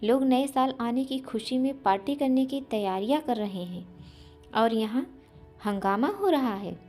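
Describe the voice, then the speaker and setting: A woman's voice: a little high, animated, measured pace, mellow, faint music behind. A woman voicing an exasperated grown man, a husband home from the office, in a spoken storybook.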